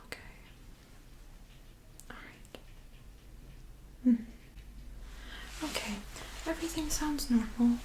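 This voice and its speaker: A woman doing a soft, breathy whispered role-play of a medical exam, with a gentle, calm, reassuring nurse-like manner. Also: high-pitched, extremely slow, long pauses, poor audio. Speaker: ASMR performer playing a medical examiner.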